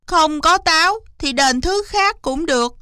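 A woman doing a shrill whiny sly fox. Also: animated, measured pace, bright, forceful tone, dry recording, clean studio sound, full character voice. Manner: high, shrill, wailing and whining. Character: sly boastful male fox, whiny trickster.

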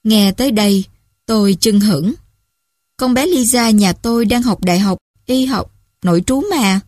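A woman narrating stories in a calm, measured reading voice. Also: mid-range voice, no room sound, studio quality. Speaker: story reader. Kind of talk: storytelling narration.

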